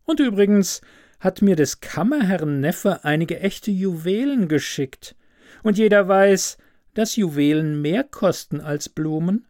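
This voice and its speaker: A man's voice: high-pitched, animated, measured pace, a little mellow, no echo, studio quality, pitched above the performer's own voice. A man voicing a haughty, snobbish young woman in a fairy tale, cool and dismissive.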